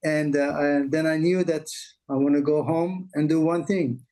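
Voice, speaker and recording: A middle-aged man from Israel with an Israeli accent, a pastor speaking as an interview guest over a video call, earnest and halting with frequent fillers. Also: fairly high pitch, fairly even intonation, mellow, poor audio. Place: home office, indoors. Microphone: video call webcam.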